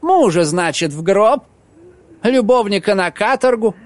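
Мужчина читает за грубого вспыльчивого молодого вора, резко и отрывисто. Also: male voice, high voice, animated, unhurried, no room sound, pitched above the performer's own voice. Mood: rough. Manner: rough, abrupt. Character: rough hot-tempered young male thief.

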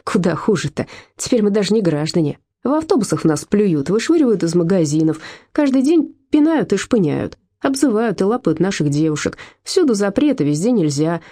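A woman's voice: mid-range voice, sing-song, brisk, dark tone, pitched above the performer's own voice. A woman reading as a brash, defiant teenage boy. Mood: defiant, angry. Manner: boastful and angry.

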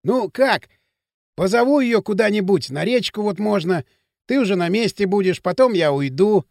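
Brash teen lad, pushy slang, high lively voice, dry close sound; male narrator doing the voice. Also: moderate pace, gravelly, no room sound. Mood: scheming. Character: cocky bossy teenage boy from town outskirts. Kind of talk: audiobook character voice.

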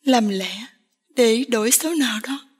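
A woman voicing a tearful young village woman pleading with the man she loves, with a slow, breathy delivery. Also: a little high. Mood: sad tearful.

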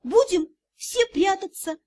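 A woman voicing a playful young elf girl who teases in a high, giggly whisper in an audiobook. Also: expressive, slow, dark tone, full character voice. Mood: teasing.

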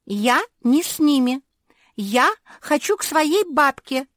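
Shrill haughty little puppy girl from a storybook, a woman doing the voice, raised high, dry close sound. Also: lively intonation, measured pace, no echo, close to an everyday voice. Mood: indignant. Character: spoiled snobbish little Labrador puppy girl.

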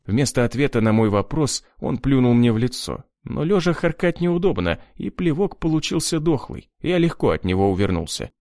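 A man's voice: medium pitch, very animated, moderate pace, hardly any pauses, darkish tone, no room sound, studio quality. A man reading an audiobook in a grim, cold first-person voice. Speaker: audiobook narrator. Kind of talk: scripted narration.

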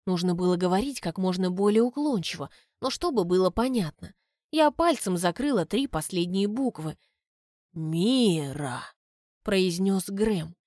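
Female audiobook narrator, brisk and even, dry close voice, mid pitch. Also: no room sound. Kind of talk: first-person fantasy narration.

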